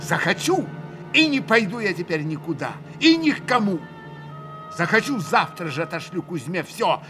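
Fiery hysterical young woman, a guy voicing her in an audiobook, high and swinging all over. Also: bright, forceful tone, exaggerated voice. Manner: fierce, sobbing outbursts. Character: passionate, volatile young woman, proud and hysterical.

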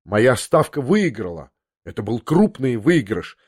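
Male audiobook narrator, mid-pitched, lively delivery, dry close sound. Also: unhurried, slightly rough, dry recording. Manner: expressive, acting out the dialogue. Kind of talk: scripted narration of a classic novel.

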